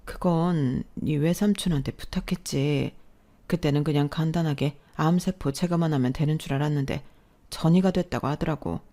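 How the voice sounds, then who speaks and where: A woman voicing a gentle, self-effacing elderly mother in a radio drama, speaking softly and reassuringly. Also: low voice, normal speed, natural voice. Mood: apologetic. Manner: soft, reassuring, apologetic.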